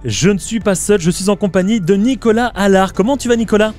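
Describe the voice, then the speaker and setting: Man, young adult, video host, chatty, hesitant, higher pitch, faint music behind. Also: a little fast, a little mellow. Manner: chatty, hesitant, many fillers. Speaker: YouTube channel host. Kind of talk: casual video interview.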